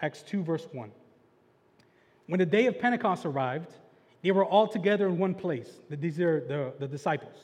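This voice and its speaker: A young man preaching in a loose, chatty way, tossing in "like" and "right?" constantly and building to loud excitement when he retells the story. His voice sits notably high for a man. It rings out with the long, lingering reverb of a large church sanctuary. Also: moderate pace. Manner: relaxed slangy delivery with frequent "like" and "right?" asides. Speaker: pastor. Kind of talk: casual, conversational sermon.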